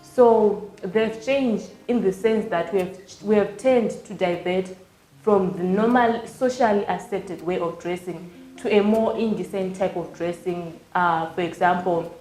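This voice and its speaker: A young woman in her late teens gives her view on a panel, earnest and careful with a few fillers. Her voice sits a bit low, and the room adds a clear echo. Faint music plays underneath. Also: darkish tone. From Zimbabwe. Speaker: panel guest. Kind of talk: panel discussion. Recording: roomy echo.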